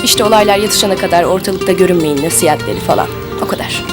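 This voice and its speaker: An actress playing a woman who soothes and begs someone to calm down. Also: on the low side, quick pace, music in the background, natural voice. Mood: reassuring. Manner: soothing, then desperately pleading.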